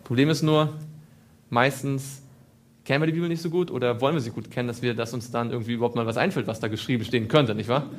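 A man's voice: mid-range voice, fast. A man preaching a sermon, asking his listeners questions and repeating phrases for emphasis.

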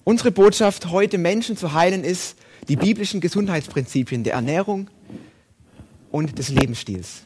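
A man's voice: sits high, animated, moderate pace, darkish tone, a little hiss or hum. A man preaching a sermon and reading Bible passages aloud, with emphatic, rising and falling delivery.

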